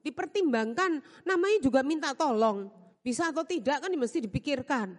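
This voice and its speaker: A woman's voice: high-pitched, lively intonation, a little fast, in a large hall. A woman voicing an exasperated young female housemaid who talks back and lectures her employer. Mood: lecturing.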